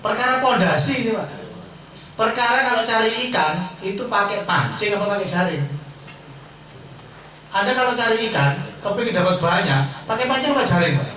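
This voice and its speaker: A man's voice: high-pitched, lively intonation, normal speed, sharp tone, a little hiss or hum. A man giving a persuasive sales seminar to a live audience, chatty and direct, asking the crowd questions and answering them himself. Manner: chatty and persuasive, keeps addressing listeners as "Pak". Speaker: business opportunity presenter. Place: large indoor seminar hall. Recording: very echoey hall, voice far from the mic.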